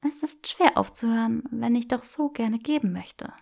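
A woman's voice: a little high, normal speed, gravelly, a little mellow, voice pushed up. A woman voicing a playful, bold young witch who teases and often whispers. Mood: teasing.

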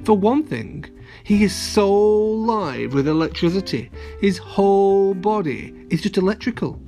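Animated kids show host reading a storybook. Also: medium pitch, measured pace, faint music behind. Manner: kids show host addressing children, expressive and playful. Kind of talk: storybook read-aloud with playful asides.

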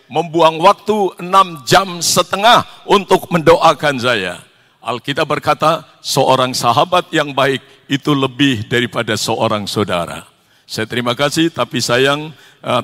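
An older man, a pastor, telling a testimony in a sermon, emotional and dramatic, rising to loud exclamations and dropping to hushed tones. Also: mid-range voice. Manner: emotional storytelling, swinging between loud exclamations and soft hushed passages. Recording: long reverb in a large hall.

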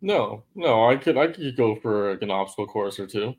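Hesitant, halting podcast guest. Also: male voice, fairly low pitch, animated, darkish tone. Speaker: podcast co-host. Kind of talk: casual chat.

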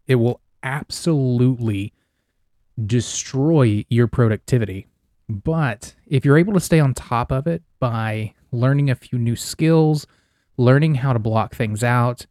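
A man's voice: medium pitch, a little mellow, dry recording, studio quality. Slightly wheezy man hosting a casual podcast. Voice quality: slightly wheezy, mouth-breathing. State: congested breathing. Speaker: podcast host and author. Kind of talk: casual solo podcast talk.

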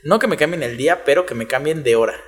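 A man's voice: on the high side, fast. A young man with a Mexican accent co-hosting a casual chat, full of slang and swearing, often laughing. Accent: Mexican Spanish. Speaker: podcast co-host.

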